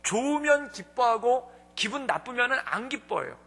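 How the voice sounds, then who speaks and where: High-pitched gravelly male pastor. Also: moderate pace. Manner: animated storyteller, acts out quoted people. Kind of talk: sermon. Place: church sanctuary. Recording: long church reverb.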